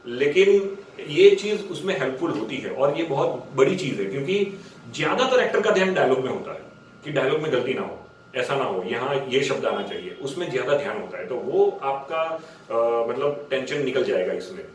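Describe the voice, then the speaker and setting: A man teaching acting in a casual instructional talk, explaining step by step and sometimes stretching words out slowly to demonstrate. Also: medium pitch, lively intonation. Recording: very echoey room, distant mic, faint noise.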